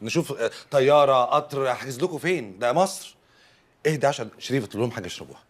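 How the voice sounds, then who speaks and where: A man's voice: mid-range voice, lively intonation, rapid-fire, a little hiss or hum, natural voice. An actor with an Egyptian accent playing a man posing as an education doctor who coaxes and placates his arguing colleagues in a comedy TV series. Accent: Egyptian Arabic. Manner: coaxing, placating, mocking asides. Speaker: mediator in a staff dispute.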